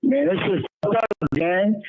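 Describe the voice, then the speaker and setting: A man's voice: sits high, expressive, unhurried, a little mellow, dry recording. A man in his twenties calling in from jail, his voice muffled as if heard through a wall. He rambles and keeps repeating the same catchphrases. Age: 20s. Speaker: caller phoning in from jail. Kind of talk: casual call-in chat.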